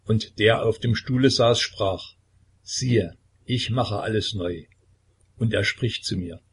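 A man's voice: fairly low pitch, slow, slight background noise. A man voicing a young man who solemnly reads scripture aloud to a congregation in a storybook. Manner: solemn recitation.

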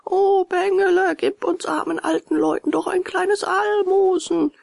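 A woman's voice: very high-pitched, steady tone, unhurried, creaky, darkish tone, dry recording, studio quality, pitched above the performer's own voice, exaggerated voice. A woman voicing a scruffy old male fox beggar in a storybook, wailing and wheedling. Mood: whining. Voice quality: howling, wheedling.

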